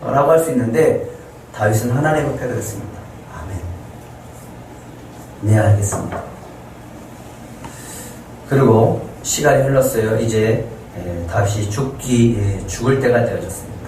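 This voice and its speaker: A man's voice: mid-range voice, fairly quick, darkish tone. A male pastor preaching a Sunday sermon, telling a scripture story and acting out the lines of its characters with rising emphasis. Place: church sanctuary. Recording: echoey room, heard from a distance, faint noise.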